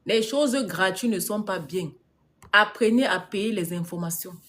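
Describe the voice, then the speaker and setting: In an unhurried, mid-range voice with a fairly bright tone, a woman coaches on business during a casual live stream, taking questions from viewers' comments. Her style is emphatic and repetitive; she laughs often and uses English words here and there.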